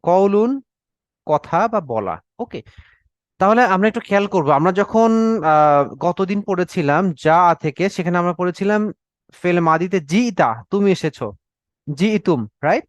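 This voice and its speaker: Man, young adult, online class teacher, high voice, dry close sound, patient verb drilling. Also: animated, measured pace, pauses often, dry recording, muffled recording. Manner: drills Arabic verb forms with Bengali meanings, frequent "okay?"; mixes English words into Bengali. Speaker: Quran and Arabic teacher.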